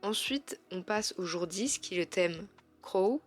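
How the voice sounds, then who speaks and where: A woman art vlogger talking casually through her drawings, chatty and halting with frequent fillers and restarts, and frankly self-critical about her work. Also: on the low side, expressive, faint music behind.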